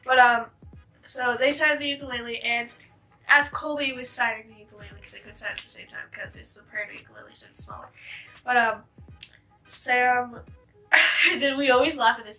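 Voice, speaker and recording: A woman's voice: fairly high pitch, fairly even intonation, moderate pace, pushed and bright. A woman guest telling a story in a casual, giggly, self-conscious way. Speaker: guest friend. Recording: distant mic with faint music.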